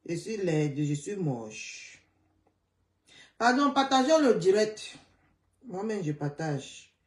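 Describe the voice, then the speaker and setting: A hoarse woman hosting a casual live chat, greeting viewers by name and repeating calls to share. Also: medium pitch, sing-song, takes it slowly, a little mellow, distant mic. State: hoarse, voice partly gone. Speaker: livestream host. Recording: roomy sound, away from the mic.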